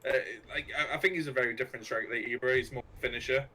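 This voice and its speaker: A relaxed young man weighs up his views in an easygoing way while co-hosting a casual chat. His voice sits at a middling pitch, with a faint hiss of noise behind him. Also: rapid-fire. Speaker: podcast co-host. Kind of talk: casual chat about football cards.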